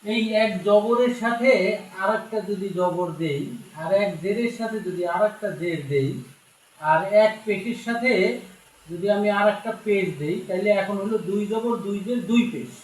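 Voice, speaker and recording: A man's voice: high-pitched, normal speed. A man with a Bangladeshi Bengali accent teaching a Quran reading lesson, patiently repeating and spelling out each letter. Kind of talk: slow step-by-step recitation lesson. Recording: very echoey room, distant mic, faint noise.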